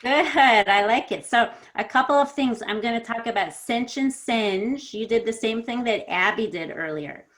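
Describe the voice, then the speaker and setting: Femme, coach de prononciation encourageante. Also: female voice, fairly high pitch. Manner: encouraging, corrective, demonstrates sounds slowly. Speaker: accent coach. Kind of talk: online pronunciation lesson.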